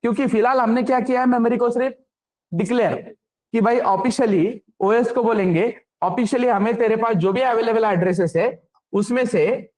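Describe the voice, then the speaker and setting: Guy teaching coding, pretty high voice, keeps asking "clear?". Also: a little mellow. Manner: keeps checking understanding with quick questions. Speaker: programming instructor. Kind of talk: classroom lecture.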